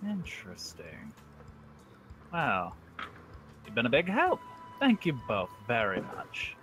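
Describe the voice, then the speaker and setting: Man, tabletop player, very slow, animated pitch, dry humor, faint music. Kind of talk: in-character tabletop role-play.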